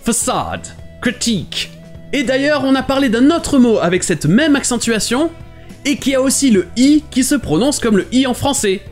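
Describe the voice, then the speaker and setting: A man from France teaching a daily language lesson, his voice pitched notably high. He explains step by step in a clear, methodical way, leaning on words he wants to stress, with faint music underneath. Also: expressive, normal speed. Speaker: English teacher and host. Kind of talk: scripted video lesson.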